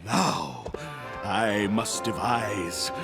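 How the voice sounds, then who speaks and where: A man's voice: lowish voice, lively intonation, gravelly, over music, exaggerated voice. King K. Rool, theatrical crocodile villain. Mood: smug, mischievous. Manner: pompous, theatrical, drawn-out words and sudden outbursts. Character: pompous scheming crocodile king, blustering comic cartoon villain. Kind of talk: exaggerated cartoon villain acting.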